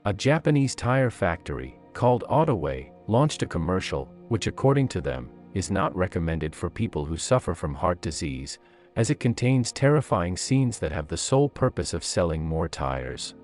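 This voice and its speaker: A man's voice: low voice, very animated, normal speed, darkish tone. A man reading scripted countdown narration in a documentary style. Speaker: video narrator. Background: faint-to-clear background music.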